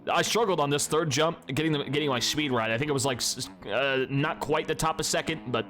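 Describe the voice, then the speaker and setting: A young gaming YouTuber comments casually on his own replays, congested and sniffling. He rambles with lots of fillers, restarts, and relaxed swearing. His voice is fairly high and fairly quick, with slight background noise.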